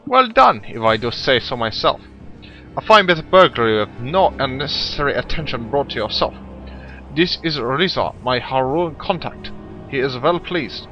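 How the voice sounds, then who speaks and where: A man's voice: mid-range voice, highs cut off, lightly acted. A man puts on a scheming thief guild leader with a mock German accent. He speaks stiffly and formally, with cold courtesy. He is reading the lines aloud as a game commentator.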